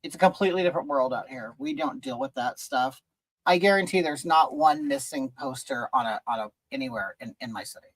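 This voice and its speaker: A man from rural California, heard on a low-quality recording, speaks briskly in a mid-range voice with a fairly bright tone. He's hosting a casual stream and doing makeup, reading and answering chat in a rambling, hesitant way full of restarts.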